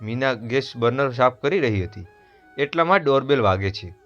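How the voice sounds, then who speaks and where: A man with a Gujarati accent narrating a family story in a steady, earnest scripted read. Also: medium pitch, normal speed. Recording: dull lo-fi voice over soft music.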